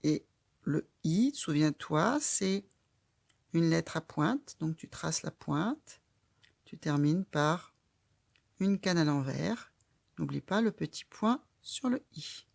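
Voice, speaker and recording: Low-pitched, slow, and creaky, this woman's voice leads a child through a slow handwriting lesson stroke by stroke, with patient, calm, step-by-step instructions. The recording is studio quality, with no echo.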